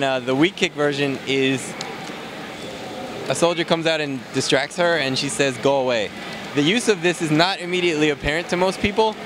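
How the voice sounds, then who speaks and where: On a noisy convention floor, a game developer with a fairly high voice demos a character, casually walking through its moves. His explanation is relaxed and full of fillers.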